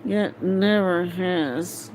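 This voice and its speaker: A woman with a lowish, slightly mellow voice works slowly through a fantasy novel as an amateur reader, hesitant, breaking up phrases and stumbling over words. The audio is poor, recorded at home with faint noise in the background.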